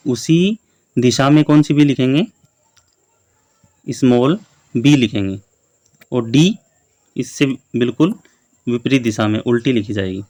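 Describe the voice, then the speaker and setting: A man teaches letters to young children, speaking very slowly and repeating each letter and word patiently. His voice sits at an ordinary middle pitch. The sound is dry and close, with no room echo. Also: darkish tone. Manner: patient, repeats letters and words many times. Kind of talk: slow classroom lesson for young children.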